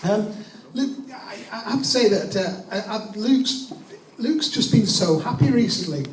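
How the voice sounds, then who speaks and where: High-voiced man giving a wedding toast, echoey room. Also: expressive. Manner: halting, with many false starts and repeats. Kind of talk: wedding toast, jokey and informal. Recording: distant mic in echoey room, audience noise. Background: crowd of guests reacting and laughing.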